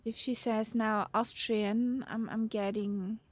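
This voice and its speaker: A woman playing a pilot in a flight simulator, switching between deliberate radio readbacks and casual commentary. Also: a little high, level tone.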